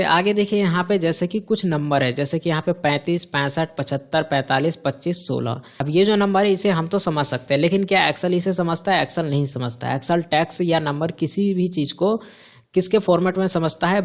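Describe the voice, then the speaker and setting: Man patiently teaching spreadsheet formulas. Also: a little high. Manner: patient step-by-step explaining, asks and answers own questions. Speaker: computer teacher. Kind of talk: screen-recorded software tutorial.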